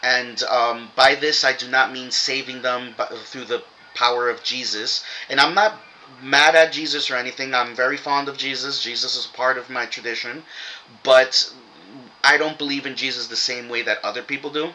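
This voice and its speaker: Bright-voiced man, casual and informal, rambling spiritual commentary. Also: medium pitch, fairly even intonation, normal speed, slight background noise, poor audio. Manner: rambling, informal, with fillers and swearing. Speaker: religious commentator.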